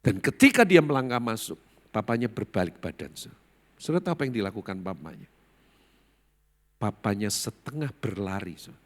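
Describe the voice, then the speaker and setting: Animated preacher in a reverberant church. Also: male voice, on the low side, brisk, pauses often. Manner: dramatic, voices quoted characters, addresses congregation as saudara. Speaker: pastor. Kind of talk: sermon with storytelling. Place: large church hall. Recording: long reverb of a church hall.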